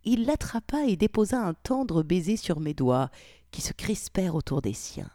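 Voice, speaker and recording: Woman reading an erotic story, low mellow voice, close dry mic. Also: sing-song, moderate pace, no room sound. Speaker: narrator.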